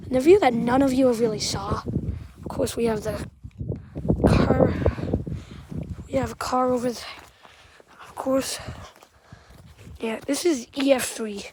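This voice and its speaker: A soft-spoken Southern-sounding woman, halting storm-damage commentary. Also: fairly high pitch, fairly even intonation, very noisy. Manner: halting, rambling, often trailing off quietly. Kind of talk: walking tour commentary. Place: outdoors at a damaged site.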